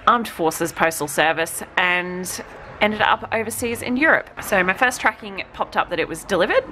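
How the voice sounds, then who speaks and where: This stationery subscription box unboxing comes from a woman chatting casually and cooing at little items, her voice a bit nasal from a cold. She sounds lowish, bright, and forceful, with slight background noise.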